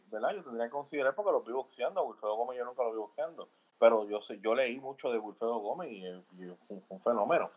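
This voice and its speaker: A man's voice: medium pitch, rough recording. A man with a Puerto Rican accent, a guest on a podcast, giving his opinions in casual talk, thinking aloud and often checking in with tag questions. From Puerto Rico.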